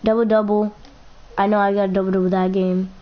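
Her mid-range voice comes through muffled, fast and flat in delivery. This young woman is a YouTuber playing a basketball video game, keeping up loose, playful commentary and repeating herself a lot.

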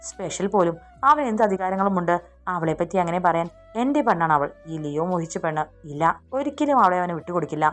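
Brief: woman voicing a possessive young boss, sly and jealous, lowish tone, soft music underneath. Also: lively intonation, fast, lightly acted.

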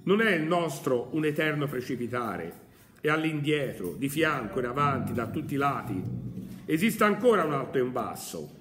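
A man's voice: medium pitch, big pitch swings, normal speed, a bit bright. A man voicing a frantic adult male madman who cries out urgent questions, read aloud during a lesson. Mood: anguished. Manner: urgent, exclaiming, rhetorical questions. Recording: echoey room.

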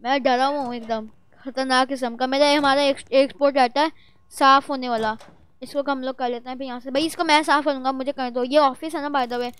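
A woman giving excitable, jittery gameplay commentary as a vlogger, with loud exclamations while playing a horror game. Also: sits high, brisk, clear, resonant tone. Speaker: gaming vlogger.

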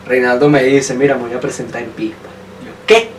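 A man's voice: mid-range voice, fairly quick. A young man with a Venezuelan accent, co-hosting a podcast and telling a story with lots of laughter and acted-out voices. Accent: Venezuelan Spanish. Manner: animated, laughing, acts out voices in anecdotes. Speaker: podcast co-host. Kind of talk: casual storytelling chat. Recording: distant mic with faint noise.

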